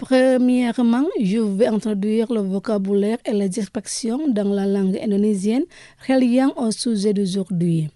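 A woman's voice: medium pitch, unhurried, warm tone. A woman hosting a radio language lesson, saying each word carefully twice so listeners can repeat after her. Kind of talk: slow radio vocabulary lesson.

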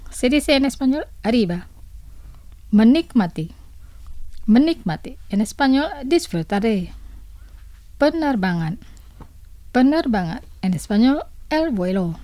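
Slow-spoken woman teaching on radio. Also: on the high side, darkish tone, dry recording. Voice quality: slow, careful repetition of each word. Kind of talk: scripted radio language lesson.

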